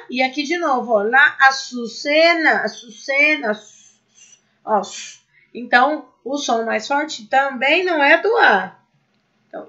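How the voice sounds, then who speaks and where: A Brazilian woman teaching a Spanish class in Portuguese, patiently explaining and reading example words slowly. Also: sits high, a bit bright, dull audio. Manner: explains patiently, checks in with "certo?" and "né?". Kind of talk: recorded online class explanation.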